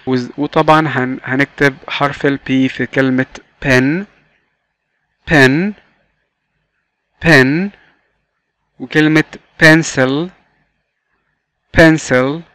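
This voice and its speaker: A man with an Egyptian Arabic accent teaching English to young children, repeating each word slowly three times. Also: mid-range voice, fairly bright tone, no room sound. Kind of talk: slow classroom lesson.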